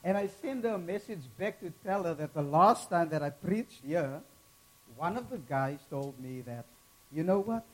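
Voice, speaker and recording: High-pitched South African preacher with Cape Flats accent. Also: male voice, moderate pace, rough recording. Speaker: guest preacher. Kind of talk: sermon to a congregation.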